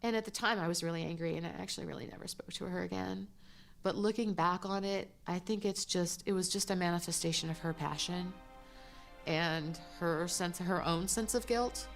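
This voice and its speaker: A woman interviewed for a documentary, speaking as a counterterrorism analyst. Her voice sits a little low and she speaks candidly, with a halting, emotional edge. Faint music plays underneath. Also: gravelly.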